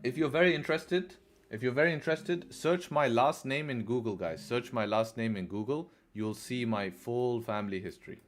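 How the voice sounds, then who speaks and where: A chatty man from England hosts a trading livestream in a mid-range voice at normal speed, with slight background noise. His casual talk repeats phrases and responds to questions from chat.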